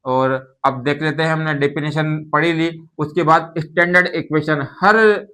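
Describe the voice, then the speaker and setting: A man's voice: a little high, steady tone, unhurried, pushed and bright, clear, resonant tone. A man teaching a maths lesson, explaining patiently and often asking questions and answering them himself. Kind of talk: classroom-style maths lesson.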